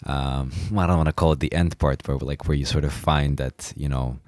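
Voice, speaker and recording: A man's voice: very deep voice, fairly even intonation, normal speed, a little mellow, no room sound. A man co-hosting a music radio show, chatting in a laid-back way about the track he picked, with lots of "you know" and "like". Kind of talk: casual music radio chat.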